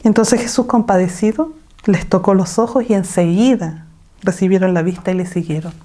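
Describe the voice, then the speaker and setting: Woman, women's Bible teacher on a video call, mellow and exhortative. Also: mid-range voice, steady tone, normal speed. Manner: exhortative, asks the listeners rhetorical questions. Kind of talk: online women's Bible lesson.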